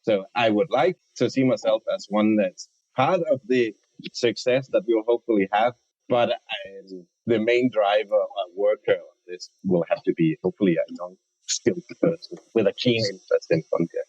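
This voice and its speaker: Low-voiced man, dull dry lo-fi sound. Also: lively intonation, moderate pace, a little mellow, breathy edge, dry recording. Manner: thoughtful, hesitant, restarts often. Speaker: researcher and award winner. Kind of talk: interview answer.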